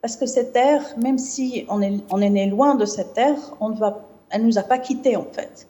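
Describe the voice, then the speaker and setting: Woman on a tv interview, warm dark voice, lots of euh and restarts. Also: on the high side, moderate pace. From born in exile to Palestinian refugees. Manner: hesitant, many fillers and restarts. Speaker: guest.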